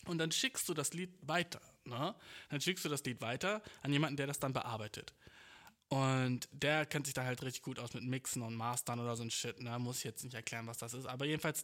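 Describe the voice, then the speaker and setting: A man's voice: mid-range voice, a bit bright. A man in his twenties, talking in a loose, rambling, slang-heavy monologue that swears a lot and mixes in English. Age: 20s. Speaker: podcast host and amateur musician.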